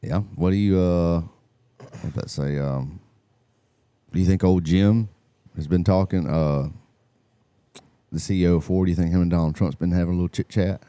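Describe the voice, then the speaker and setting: A man, co-hosting a live stream and telling stories in a colorful, animated way. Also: low voice, normal speed, long pauses, smooth, no echo. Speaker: co-host. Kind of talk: casual live-stream chat and storytelling.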